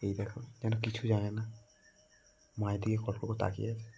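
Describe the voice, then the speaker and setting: A man with a Bengali accent talks through a casual home vlog in a fairly low voice. He moves between a hushed, close murmur and loud calls to his pet. A faint hiss of background noise sits under the phone recording. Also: completely flat delivery, quick pace, creaky. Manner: chatty, often drops to a hushed murmur, calls out loudly to his dog. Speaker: vlogger. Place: home, indoors.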